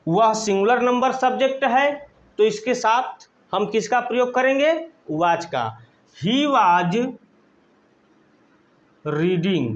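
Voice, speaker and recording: A man with a Hindi accent teaches grammar, speaking very slowly and repeating each phrase as if dictating notes. His voice sits fairly high for a man. The recording sounds dull and lo-fi. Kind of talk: classroom grammar lesson.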